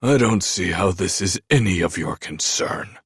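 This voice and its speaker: A man's voice: deep voice, unhurried, husky, no echo, clean studio sound, voice pushed up, exaggerated voice. A man voicing a smug, greedy and cowardly male doctor in an audiobook, with a sneering, condescending manner. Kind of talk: audiobook narration.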